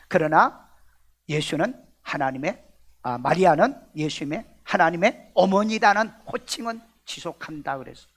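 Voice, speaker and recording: A man with a high-pitched voice delivers a lively sermon as a pastor. He swings between loud exclamations and quiet low asides, often asks his listeners questions, and acts out quoted voices.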